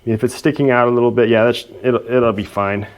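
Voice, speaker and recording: A man's voice: mid-range voice, steady tone, brisk, clear, resonant tone, rough recording. A man hosting a repair video, talking casually and self-deprecatingly as he works in a workshop. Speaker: host of a machinery repair video. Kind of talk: casual hands-on repair narration.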